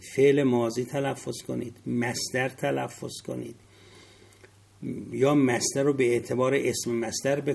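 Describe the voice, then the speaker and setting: Middle-aged guy teaching a class on word roots, gravelly and a bit husky, spells letters out slow. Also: medium pitch, darkish tone. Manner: spells out letters slowly, rising emphasis. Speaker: religious studies teacher.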